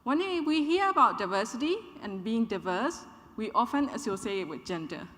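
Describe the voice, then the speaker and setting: A woman in her thirties, originally from Burma, delivers a prepared conference presentation at a measured, clear pace. Her voice is bright and forward. The sound carries the long reverb of a large hall. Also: a little high, very animated. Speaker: conference speaker.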